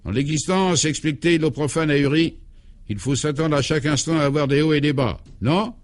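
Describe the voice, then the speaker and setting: A man's voice: fairly quick, close to an everyday voice. A man voicing Clovis du Tilleul, an eccentric, jovial 64-year-old former priest, in an old-style French radio comedy, fatherly and exuberant. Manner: exuberant, fatherly, talks up high.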